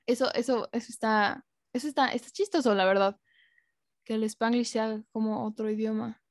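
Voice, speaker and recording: A woman's voice: fairly high pitch, steady tone, normal speed, no echo, clean studio sound. A woman from Mexico with a Mexican Spanish accent, explaining things in casual chat with plenty of filler phrases.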